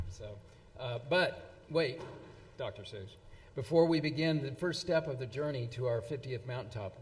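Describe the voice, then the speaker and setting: Halting man presenting in a reverberant hall. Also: mid-range voice. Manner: halting, many fillers and restarts. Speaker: event presenter. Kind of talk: speech reading quotations. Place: event hall.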